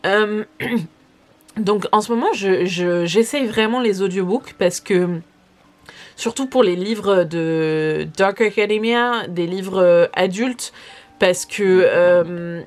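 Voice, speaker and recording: A woman's voice: medium pitch, slow, a little mellow. Rambling French woman vlogging. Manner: rambling, self-correcting, lots of fillers. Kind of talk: casual chat. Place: home in New York.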